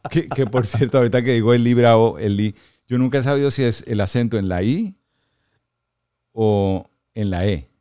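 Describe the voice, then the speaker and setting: A man's voice: mid-range voice, moderate pace, mellow, clear, resonant tone, no room sound, studio quality. A man hosting a podcast interview, chatty and easygoing, who laughs often and trails off mid-sentence. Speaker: podcast host. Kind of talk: casual conversational interview.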